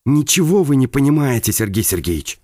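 A man reading a novel aloud, voicing a sharp-tongued female talking bird in a hushed, scolding manner. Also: medium pitch, big pitch swings, a little fast, no echo, clean studio sound, pitched above the performer's own voice. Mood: irritated.

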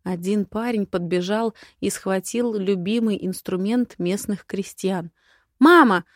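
A woman narrating a first-person audiobook in a wry, lively storytelling manner. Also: medium pitch, a little slow, no room sound, clean studio sound.

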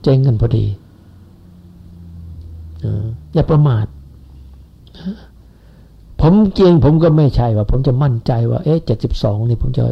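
A man's voice: mid-range voice, expressive, a little slow, vocal fry, pauses often, husky. A man in his seventies giving a rambling, folksy Buddhist sermon to followers. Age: 70s. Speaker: Buddhist teacher. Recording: lo-fi dull recording.

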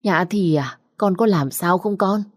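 A woman's voice: fairly low pitch, measured pace, no room sound, clean studio sound. A woman reading a story aloud, voicing a middle-aged mother who scolds in an exasperated, raised voice. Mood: scolding.

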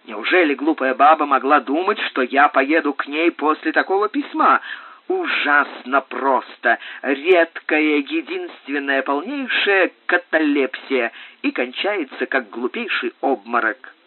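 A man's voice: a little high, lively intonation, unhurried, no echo. A man voicing a furious, vain male doctor in an audiobook, with scornful outbursts, on a tinny recording. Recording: tinny phone-like dry sound.

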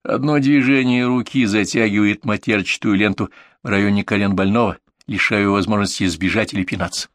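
A man with a low voice reads a first-person story aloud. His delivery is steady and vivid. The sound is dry and close to the mic. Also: dry recording. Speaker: audiobook narrator. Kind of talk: first-person audiobook narration.

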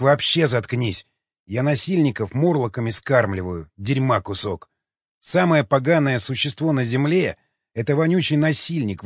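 A man's voice: mid-range voice, husky, no room sound. A mocking, cold-blooded cannibal mercenary, read by a male audiobook narrator, who sneers and threatens in a sarcastic tone. The voice stays close to the reader's own. The recording is dull and dry. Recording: dull lo-fi sound.

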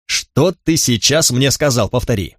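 A man's voice: medium pitch, lively intonation, a little slow, dry recording, clean studio sound. A man voicing a brutal, contemptuous male centurion drill instructor who barks at recruits in an audiobook. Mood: mocking. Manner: barking, contemptuous.

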